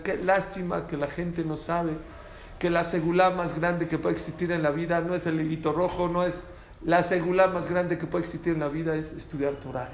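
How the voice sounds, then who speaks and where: A man with a fairly high voice teaches a small group, animated and full of rhetorical questions. The sound is roomy, with a faint hum of noise behind him. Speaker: Torah teacher. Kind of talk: lively spoken Torah class.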